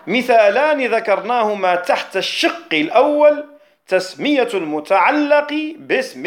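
A man, a jurist, explaining a classical poem on rhetoric in a recorded lesson, repeating key phrases and slowing down on technical terms. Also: very high-pitched. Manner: slows down to stress technical terms. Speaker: Islamic jurist teaching rhetoric.

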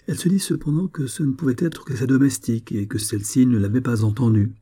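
A man narrating an audiobook story in a measured, expressive way. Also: medium pitch, husky.

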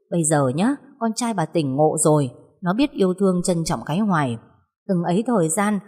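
A woman reading a story aloud in steady scripted narration. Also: fairly low pitch. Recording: long hall reverb.

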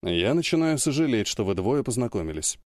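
A dry-humoured soldier brother in an audiobook, speaking low and wry, as a man reads him. The reading is close and dry with no room around it. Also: lively intonation, moderate pace, darkish tone, no room sound, lightly acted. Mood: weary.

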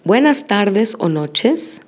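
A woman teaching a language lesson, modeling words slowly and praising the listener after each repetition. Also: mid-range voice, big pitch swings, husky. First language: Spanish. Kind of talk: slow, patient language lesson with repetition drills.

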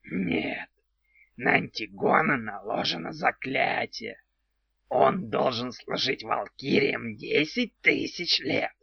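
An impish male house spirit from a storybook drawls his words slowly and strangely, always naming himself in the third person, as a man puts him on. His voice is gravelly and dry. The recording sounds dull and lo-fi. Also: mid-range voice, animated, pushed and bright, no echo, exaggerated voice. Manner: slow, odd, talks of himself in third person. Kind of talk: audiobook character voice.

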